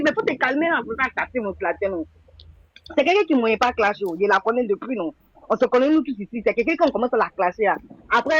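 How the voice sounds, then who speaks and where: Fast, very high-voiced man on lo-fi audio. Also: dry recording. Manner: rambling, chatty, agreeing a lot. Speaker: live panel participant. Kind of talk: casual commentary on a live stream. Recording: dull lo-fi audio.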